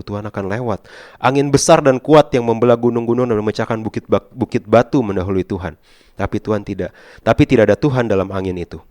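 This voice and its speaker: A male pastor preaching a sermon in casual Jakarta slang mixed with English, swinging from loud declarations to hushed asides. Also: lowish voice, dry recording, clean studio sound.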